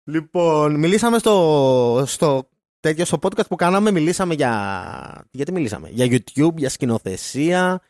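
A man's voice: on the high side, animated, a little mellow, no room sound, studio quality. A man hosting a casual podcast chat, playful and teasing, laughing often. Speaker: podcast host.

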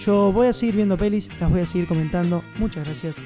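A man's voice: high-pitched, fast, mellow, soft background music. A man with an Argentine accent hosting a casual, chatty film commentary. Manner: chatty, enthusiastic, many fillers.

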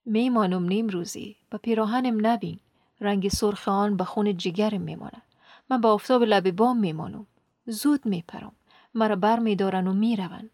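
A woman voicing a despairing young woman who softly pleads to be saved. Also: mid-range voice, no room sound, clean studio sound, natural voice. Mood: mournful.

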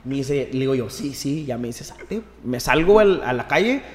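A man's voice: medium pitch, lively intonation, brisk, big-room sound. A young man with a Mexican accent telling a story in casual chat, slangy, with "güey" in almost every phrase. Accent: Mexican Spanish. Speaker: podcast guest.

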